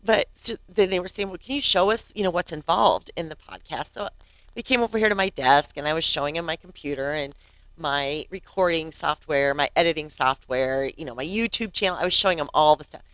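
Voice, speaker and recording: A woman's voice: deep voice, fairly quick, a bit bright, no room sound. Chatty woman in her fifties, dry close mic. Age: 50s. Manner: chatty, laughs often, acts out quotes. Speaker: podcast host. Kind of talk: casual storytelling monologue.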